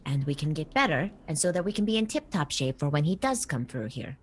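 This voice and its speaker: A woman's voice: low voice, very animated, a little fast. A woman talking casually in character as a player in a tabletop game.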